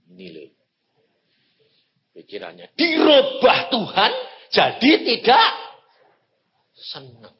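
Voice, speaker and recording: A male evangelist preaching a sermon, telling a humorous personal story and jumping between shouts and low asides. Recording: dull lo-fi sound, faint background noise.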